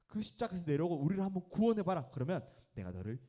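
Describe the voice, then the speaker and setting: A man's voice: sits high, sing-song, rapid-fire, warm tone, voice pushed up. A man voicing a scornful male thief who taunts and sneers at a man on the cross beside him. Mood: mocking.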